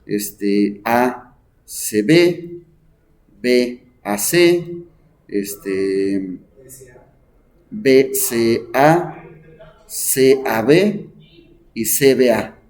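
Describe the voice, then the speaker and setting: A man lecturing a class on math, thinking aloud at the board, often asking the students and pausing on "este". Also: medium pitch, lively intonation, darkish tone. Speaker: math teacher.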